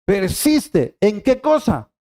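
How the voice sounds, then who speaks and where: A man's voice: high-pitched, big pitch swings, slow, a little mellow. A middle-aged man preaching a sermon, emphatic and repeating key phrases as he speaks straight to the congregation. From Ecuador.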